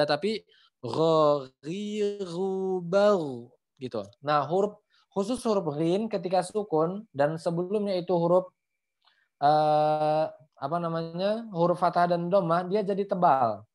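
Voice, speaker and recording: A man teaching Quran recitation in an online lesson over a video call, explaining casually and stretching out example slowly. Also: high voice. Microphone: computer or phone mic on a video call.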